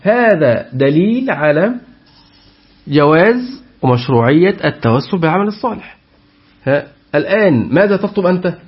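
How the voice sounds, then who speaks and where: A man's voice: on the high side, very animated, normal speed. A man giving a Quran tafsir lesson, putting questions to his class and repeating their answers. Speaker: Quran teacher. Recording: dull lo-fi recording.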